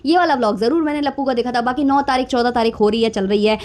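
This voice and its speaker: A woman's voice: a little high, quick pace, darkish tone. A woman giving casual vlog commentary, outspoken and indignant as she rants about other creators. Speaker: YouTube commentator.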